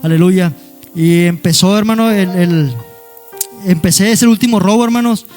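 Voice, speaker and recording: A young man with a high-pitched voice tells his story to a congregation. He talks haltingly, repeating words and dropping in short asides to his listeners. Soft instrumental music plays quietly behind him. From Monterrey area, Mexico. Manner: halting, repeats words, keeps adding "hermano" and "¿verdad?"; peppers his talk with "aleluya". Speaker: guest giving a church testimony. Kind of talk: personal testimony to a congregation.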